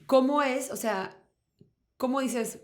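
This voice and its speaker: A woman's voice: high-pitched, slow. A woman hosting an interview, chatty and affirming, with many fillers. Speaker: podcast host. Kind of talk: conversational interview.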